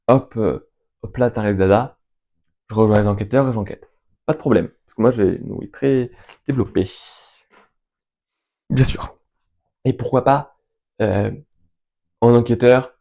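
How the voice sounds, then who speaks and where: A young man chatting casually as host, answering questions in an enthusiastic, rambling way and listing names between pauses. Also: lowish voice, warm tone, lo-fi sound. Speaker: fan video host answering viewer questions. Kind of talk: casual chat.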